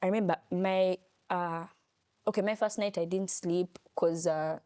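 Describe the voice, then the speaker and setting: A young woman, co-hosting a casual chat and telling a story in an animated, playful way. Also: on the low side, measured pace. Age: young adult. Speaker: podcast co-host.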